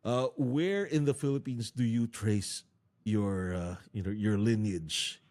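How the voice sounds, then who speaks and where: A podcast host with a lowish, darkish voice chats casually with a guest in an interview, speaking in an unhurried way. He jokes, laughs often, and fills his talk with fillers and restarts.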